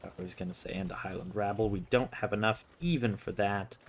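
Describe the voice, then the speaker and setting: A man's voice: on the low side, fairly quick, a little hiss or hum. A man giving casual commentary as he plays a video game.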